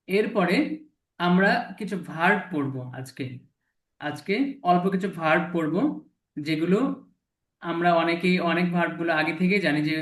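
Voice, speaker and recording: A man with a fairly high voice teaches a class, saying each English word and its meaning again and again in a patient drilling rhythm. The sound carries a noticeable room echo. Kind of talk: classroom lesson with repetition drills.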